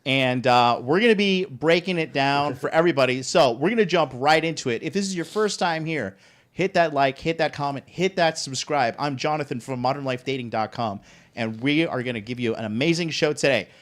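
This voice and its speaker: A man's voice: mid-range voice, a little fast. Upbeat man hosting a dating show. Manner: upbeat, hype-building. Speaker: host. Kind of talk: energetic podcast hosting.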